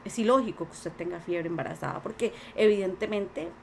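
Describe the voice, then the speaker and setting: Her voice lowish, a little mellow and touched with vocal fry, a woman with a Costa Rican accent talks a little fast as a podcast guest. She shares her personal story earnestly in conversation, acting out what others said in many quoted voices, with slight hiss or hum behind her.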